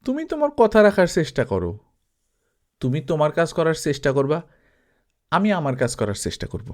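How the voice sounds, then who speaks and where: Fairly quick and on the high side, a male narrator portrays a wealthy but shady village dealer, domineering, unruffled and shameless. He talks in everyday language and justifies himself with rhetorical questions, sounding brazen and dismissive.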